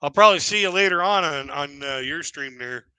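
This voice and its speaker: Bright-voiced man in his fifties doing stand-up. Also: a little high, fairly quick, clean tone, no room sound. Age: 50s. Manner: rambling, chuckles at own jokes, many fillers. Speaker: stand-up comedian. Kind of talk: casual live-stream stand-up.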